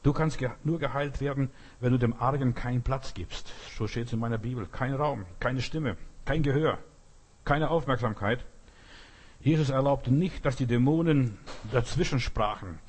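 A man's voice: mid-range voice, moderate pace, a little mellow, husky. An older man preaching a casual sermon who keeps checking in with his listeners and tells stories from his own life. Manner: informal preaching, often asks "verstehst?", tells personal stories.

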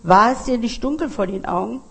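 A woman's voice: a little high, a little fast, gravelly, husky. A woman voicing stern Death as a dwarf. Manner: stern, commanding.

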